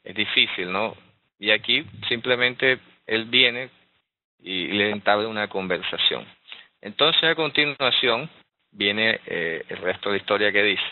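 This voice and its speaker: Male Bible teacher, lowish voice, explanatory and unhurried, heard through a thin phone-like connection. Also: lively intonation. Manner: explanatory, frequent rhetorical "¿verdad?" and "eh" fillers. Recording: tinny phone-like line.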